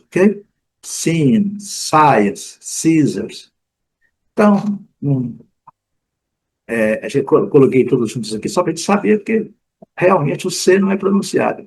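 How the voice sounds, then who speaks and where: A man from Brazil giving a casual, unscripted pronunciation lesson, full of fillers and restarts, repeating example words slowly. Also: on the high side, creaky, husky, low-quality recording. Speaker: English teacher.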